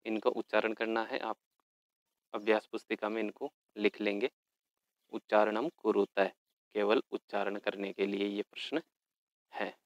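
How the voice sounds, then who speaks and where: Slow, patient man teaching Sanskrit. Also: on the low side, flat delivery, dry recording. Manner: slow, patient, spells words out letter by letter. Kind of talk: explaining a textbook lesson.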